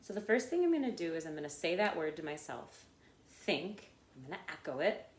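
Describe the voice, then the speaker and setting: A woman's voice: sits low, very animated, a little fast, echoey room. A woman teacher giving a phonics lesson, talking step by step and repeating each word aloud.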